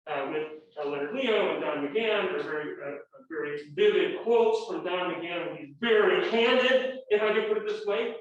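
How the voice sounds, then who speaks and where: Man, panel speaker, rambling, many restarts, higher voice, very echoey distant room audio. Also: moderate pace, few pauses, muffled recording. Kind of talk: panel talk. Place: lecture room.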